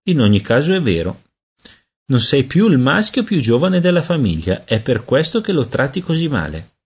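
A man reading a storybook aloud and voicing a calm, know-it-all older sister with a superior, lecturing manner. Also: mid-range voice, moderate pace, slightly rough, voice pushed up.

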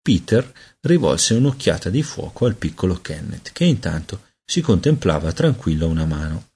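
A man narrating a children's storybook aloud in an expressive storytelling manner. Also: deep voice, moderate pace, breathy edge. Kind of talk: audiobook narration.

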